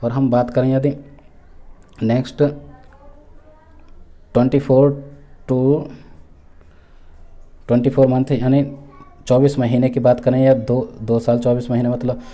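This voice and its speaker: A man's voice: medium pitch, level tone, measured pace, pauses often, mellow. A man giving an exam-prep lecture, repeating each point with terms in two languages, with many fillers and restarts as he explains. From India. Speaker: teacher for exam preparation.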